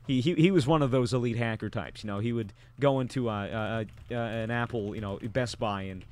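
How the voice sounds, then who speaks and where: A man's voice: mid-range voice, fairly quick, darkish tone. Young man, casual podcast storyteller, rambling, full of fillers and restarts.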